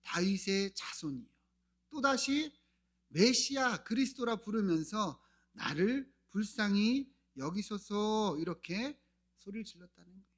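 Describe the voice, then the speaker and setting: A male pastor preaching a sermon, asking the congregation questions and answering them himself, his delivery swinging between loud calls and soft near-whispers. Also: high voice, animated, measured pace. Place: church.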